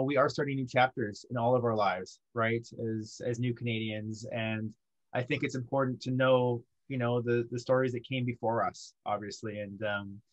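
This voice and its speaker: Man, 30s, video call, lively, filler-heavy, home studio. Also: mid-range voice, highs cut off. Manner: lively, warm thanks, frequent ums. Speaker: co-author hosting a book talk. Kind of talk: casual video call chat. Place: home studio with art banner behind. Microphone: video call webcam.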